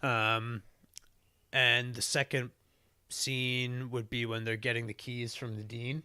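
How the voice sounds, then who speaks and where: A man's voice: mid-range voice, level tone, takes it slowly, sharp tone, clean tone, no room sound, studio quality. A man co-hosting a podcast, chatting casually about a movie in a rambling, self-correcting way. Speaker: podcast co-host. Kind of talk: casual movie review chat.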